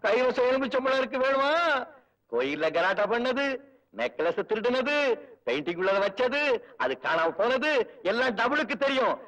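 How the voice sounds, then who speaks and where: An actor playing a cocky, quick-witted man who mocks a villain with sarcastic wordplay, in old film dialogue. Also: very high-pitched, sing-song, a bit bright, distant mic, heavily acted, poor audio. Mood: mocking. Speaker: film hero. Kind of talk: 1970s Tamil film dialogue.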